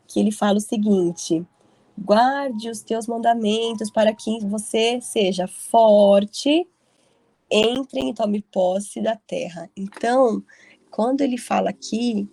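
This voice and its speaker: A woman's voice: medium pitch, darkish tone, breathy edge, no room sound. A woman leading a casual group Bible study, telling stories in a chatty way with frequent tag questions. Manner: chatty storytelling with frequent "né" tags.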